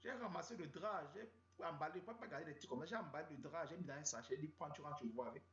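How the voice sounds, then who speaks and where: A fast-talking man with a fairly high, fairly bright voice and a Cameroonian French accent spins a comic tale as a comedian storyteller, rambling, repetitive and slangy. The sound is roomy, dull and lo-fi, with a little hiss or hum.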